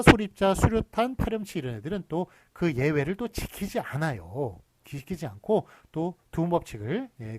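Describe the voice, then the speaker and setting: A man's voice: fairly high pitch, darkish tone, dry recording. A middle-aged man lecturing on spelling rules, explaining step by step and often dropping short "yes" fillers. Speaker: university lecturer.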